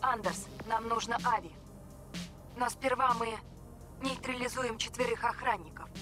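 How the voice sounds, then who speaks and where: An actress playing a composed, commanding corporate heiress in a Russian video game dub. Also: female voice, fairly high pitch, normal speed, lightly acted. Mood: cool command. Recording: music behind quiet voice.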